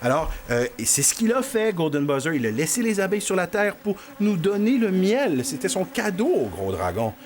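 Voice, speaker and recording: A man's voice: sits high, normal speed, few pauses. A man with a Québécois accent telling an improvised story to children, playful and talking straight to his young listeners. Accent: Québécois French. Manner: animated, playful, talks to the children directly.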